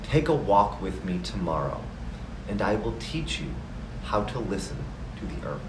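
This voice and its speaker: A man voicing a wise male elder in a story, teaching in a calm, gentle, deliberate manner. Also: lowish voice, reverberant, recorded from a distance, noisy background. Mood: calm, instructive.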